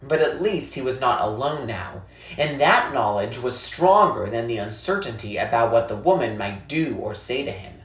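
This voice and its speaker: A narrator with a mid-range voice reads a children's novel aloud, measured and expressive as a storyteller. The recording sounds echoey and roomy.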